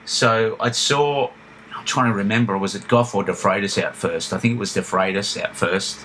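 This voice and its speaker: Male podcast co-host, low pitch, bright edge, rambling storyteller. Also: normal speed, a little hiss or hum. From Australia. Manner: reminiscing, storytelling with frequent restarts. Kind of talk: casual chat.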